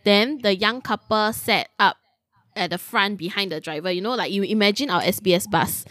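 A woman's voice: mid-range voice, normal speed, fairly bright tone, dry recording. A Singaporean woman telling a story casually in Singlish, as a host among friends, full of particles and little checking tags.

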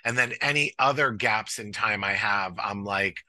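Man, young adult, podcast co-host, playful banter, very bright tone, dry sound. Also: fairly low pitch, moderate pace, no room sound. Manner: jokey, laughs easily, animated. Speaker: podcast co-host, speech therapist. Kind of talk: playful casual chat. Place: New York City.

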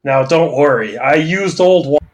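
A man's voice: a little high, moderate pace. A man voicing a male innkeeper serving drinks, his audio glitching and cutting out over an online mic. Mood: reassuring.

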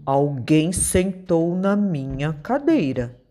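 A woman voicing a big gruff papa bear in a children's story, speaking slow and heavy. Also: sits low, very animated, warm tone, faint music behind, exaggerated voice.

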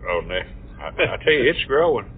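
A man with an Appalachian Southern accent and a slow, folksy drawl, husky, co-hosting a casual comedy podcast. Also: mid-range voice, big pitch swings, narrow, tinny audio, slight background noise. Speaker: podcast co-host. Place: car on the road.

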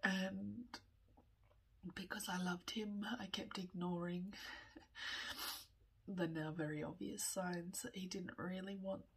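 A woman in her thirties, tearful with a running nose, talking candidly in a personal vlog, often in a breathy whisper and pausing as she goes. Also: on the low side, steady tone. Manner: slow, halting, candid, with small laughs. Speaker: vlogger.

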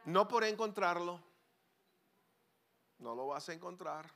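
A man delivers a fiery sermon in a high, bright, sharp voice. He swings from loud, pleading cries to hushed, low asides. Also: lively intonation, takes it slowly. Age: 40s or older. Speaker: pastor.

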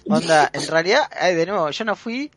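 A man's voice: fairly high pitch, lively intonation, fairly quick, fairly bright tone, dry recording. A young man with a Rioplatense Spanish accent, chatting casually with friends in slangy talk and frequent laughter. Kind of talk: casual chat among friends.

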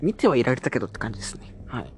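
A man's voice: medium pitch, very animated, racing, a little hiss or hum. A man hosting a casual solo talk show, recounting events in a chatty way and sometimes mimicking what others said. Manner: chatty, recaps promos in a lightly mimicking tone. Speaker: podcast host reviewing wrestling shows.

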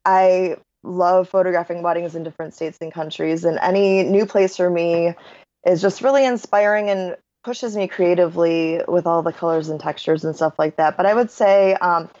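A woman in her thirties, a wedding photographer talking as a podcast guest, bubbly and quick to laugh, with lots of "like". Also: fairly low pitch, fairly even intonation, darkish tone, dull audio. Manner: bubbly, laughs often, says "like" a lot. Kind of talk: casual interview chat.

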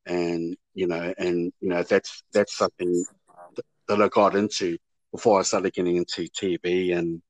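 Man, actor guest, halting, repeats words, lowish voice. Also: level tone, no room sound. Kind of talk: casual interview chat.

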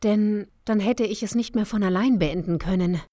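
A woman playing a hushed, secretive young witch-lore collector. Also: mid-range voice, normal speed, dry recording, studio quality, natural voice. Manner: hushed, calm, instructive, often whispering. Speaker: [name]. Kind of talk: German horror audio drama acting.

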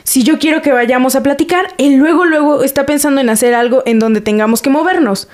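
A woman's voice: high-pitched, a little fast, close to an everyday voice. An actress playing a sulky teenage daughter upset about her boyfriend, with a Mexican Spanish accent. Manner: sulky, reluctant.

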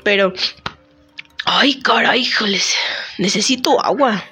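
A woman's voice: medium pitch, slow pace, pushed and bright, breathy edge, soft background music. A woman, host of a casual talk podcast, chatting to listeners in a joking, self-deprecating way while a bit sick. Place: temporary recording spot.

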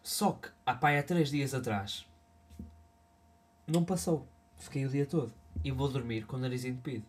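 A young man speaks with a European Portuguese accent in loose podcast banter. He teases his friend and tells stories in a playful, animated way. His voice sits at an ordinary middle pitch for a man. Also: moderate pace. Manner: teasing, playful, animated in bursts. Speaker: podcast co-host. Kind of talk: casual banter.

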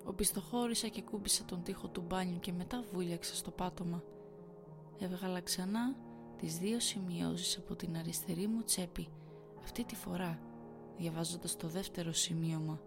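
A woman's voice: on the low side, creaky, music in the background. A woman hosting a horror story podcast, reading first-person scary stories and chatting in a friendly way. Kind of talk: reading creepy stories aloud.

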